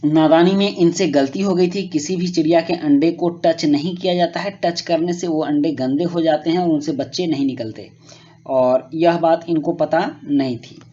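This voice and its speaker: A male teacher patiently explaining a school worksheet to children, often pausing with fillers and rephrasing. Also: on the high side, warm tone. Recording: muffled lo-fi recording.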